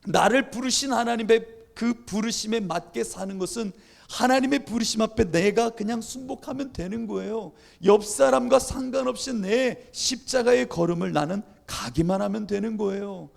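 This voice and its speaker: A man's voice: high-pitched, normal speed, creaky. A male pastor preaching a sermon in a conversational way, acting out quoted dialogue.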